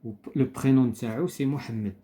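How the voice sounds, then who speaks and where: A man with a Moroccan accent explaining a primary school lesson, slowing down to spell out phrases carefully. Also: medium pitch, fairly even intonation, warm tone. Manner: switches between Moroccan Arabic and slow, deliberate French. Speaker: teacher.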